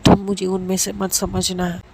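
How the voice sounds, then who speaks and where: A woman's voice: lowish voice, monotone, moderate pace, vocal fry, a little hiss or hum. A woman playing an earnest young woman. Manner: earnest, warm reassurance.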